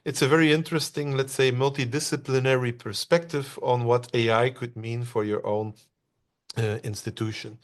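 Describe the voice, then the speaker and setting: A man from Belgium presents to an online audience at an everyday mid pitch. He talks loosely, filling pauses with "uh" and putting questions to his listeners. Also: fairly even intonation. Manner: conversational, many "uh" pauses, asks the audience questions.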